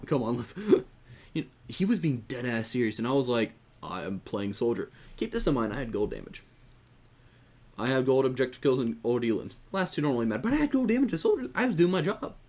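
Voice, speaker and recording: Young male gamer for a casual rant vlog, exasperated and rambling, mid-pitched. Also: darkish tone. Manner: rambling and exasperated, with frequent restarts and swearing. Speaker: gaming YouTuber. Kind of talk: casual gaming rant to camera.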